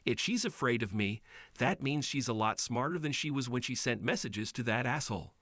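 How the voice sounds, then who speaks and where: A man reading a first-person story as scripted narration, in an even, measured way. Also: mid-range voice, no echo, clean studio sound.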